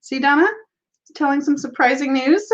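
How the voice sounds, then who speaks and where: Giggly and bubbly, a tarot livestream host laughs frequently as she chats and reads viewer comments out loud. She has a high, steady-toned voice and speaks a little slowly, and the sound is lo-fi.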